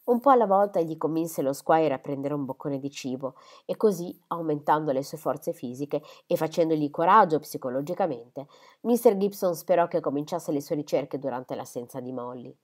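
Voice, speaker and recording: A woman narrating a classic novel in an audiobook. Her voice sits on the lower side, and her reading is steady and unhurried. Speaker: audiobook reader.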